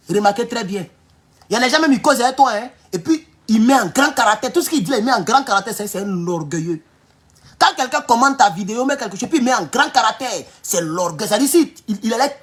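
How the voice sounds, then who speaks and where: On a relaxed livestream, this male political commentator with an Ivorian French accent goes through viewer comments. He mocks, laughs frequently, and lurches between quiet muttering and loud outbursts, all while dealing with a sore back.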